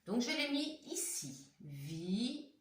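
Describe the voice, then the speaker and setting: Woman teacher doing a phonics lesson for little kids, spells out words slowly, asks them questions, echoey room, mic kinda far. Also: mid-range voice, very animated, a bit bright. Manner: slow, clearly articulated, repeats words syllable by syllable; talks directly to children, asking questions. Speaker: primary school teacher. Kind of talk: home-school phonics lesson for young children. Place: classroom or home room with a whiteboard.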